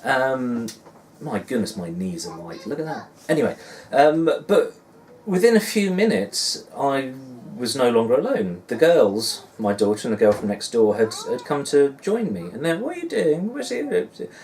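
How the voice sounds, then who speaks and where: A dad blogger and vlogger in his forties, with a Suffolk English accent, chats casually as in a personal vlog, rambling, self-deprecating and musing. His medium-pitched voice swings widely in pitch, moves at a normal pace and sounds a little mellow. A distant mic picks up faint background noise.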